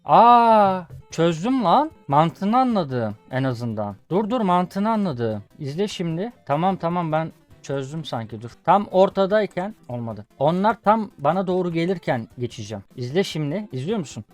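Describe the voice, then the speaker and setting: A man's voice: a little high, sing-song, moderate pace, hardly any pauses, darkish tone, faint music behind. A young man commentating his own gameplay in a casual let's-play, swearing at the game and telling viewers to watch. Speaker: gaming YouTuber. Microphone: desk USB condenser microphone.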